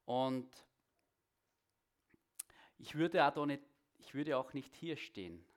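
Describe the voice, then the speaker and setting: A preacher giving a sermon and prayer in a church hall, speaking with a halting delivery that often repeats words. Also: male voice, medium pitch, expressive. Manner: halting, repeats words, self-deprecating asides.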